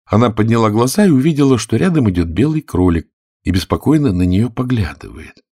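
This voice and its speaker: Husky low-voiced male storyteller. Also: brisk, dry recording, studio quality. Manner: expressive, lively storytelling. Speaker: audiobook narrator. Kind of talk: scripted storybook narration.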